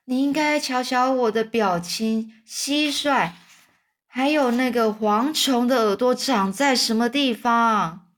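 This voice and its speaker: A woman's voice: on the high side, pitched above the performer's own voice. Woman doing a kindly old grasshopper. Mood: gentle. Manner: gentle, slow and patient explaining. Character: kindly old male green grasshopper violinist.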